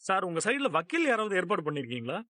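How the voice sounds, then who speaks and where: An actor dubbing an earnest, sympathetic police constable in a TV serial who advises a worried family. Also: male voice, high voice, big pitch swings, fast, pushed and bright, no room sound, exaggerated voice. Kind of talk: dubbed TV serial dialogue.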